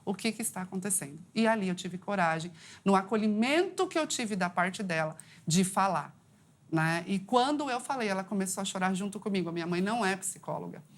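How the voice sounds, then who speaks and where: A woman's voice: animated, a little fast. A woman, a psychologist guest on a talk show, telling a personal story in an earnest, heartfelt way. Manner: heartfelt, earnest storytelling with rising pitch at climaxes.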